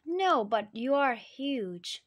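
A woman voicing a curious, excitable young boy in a children's storybook read-aloud, eager and wide-eyed. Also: high-pitched, takes it slowly, heavily acted. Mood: amazed.

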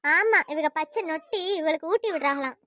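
A woman doing a shrill scolding mother-in-law. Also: animated, fairly quick, sharp tone, no echo, clean studio sound. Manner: nagging, taunting, shrill. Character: scolding middle-aged mother-in-law, sharp-tongued. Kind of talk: cartoon voice acting.

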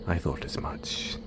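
Here a man plays a possessive werewolf in audio roleplay, playful yet menacing, taunting the listener in a breathy, half-whispered, predatory manner. There's a lot of noise in the clip.

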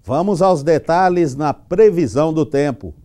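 A man's voice: a little high, lively intonation, a little slow, mellow. Male news anchor with upbeat handoffs. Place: TV news studio. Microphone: lapel mic.

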